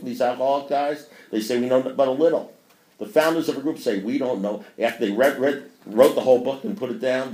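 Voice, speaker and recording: This man's voice sits on the low side with a darkish tone. He's in his sixties, addressing a recovery meeting in a rambling, sermon-like way full of self-mockery, recorded in an echoey meeting room.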